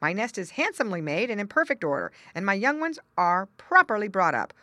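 A woman's voice: medium pitch, sing-song, a little fast, bright, forceful tone, dry recording, voice pushed up. A woman voicing a neat, self-satisfied male squirrel who sounds prim and affronted in a storybook reading.

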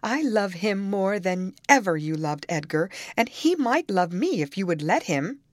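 A woman's voice: medium pitch, very animated, unhurried, no room sound, clean studio sound, voice pushed up. Woman acting an impassioned, petulant lovesick young girl. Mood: defiant. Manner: impassioned, indignant. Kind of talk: dramatised audiobook reading of a classic novel.

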